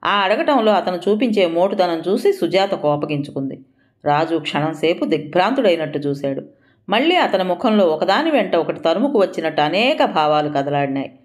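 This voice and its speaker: Measured woman narrator, lowish voice. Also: darkish tone. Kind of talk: scripted audio story narration.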